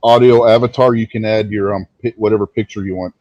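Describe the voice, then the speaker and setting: A man's voice: on the low side, fairly even intonation, fast, darkish tone, dry recording, highs cut off. A man on a live-stream voice chat, chatty and helpful, patiently explaining how to do things. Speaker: fellow streamer and guest. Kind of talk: casual chat, explaining step by step. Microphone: online voice chat.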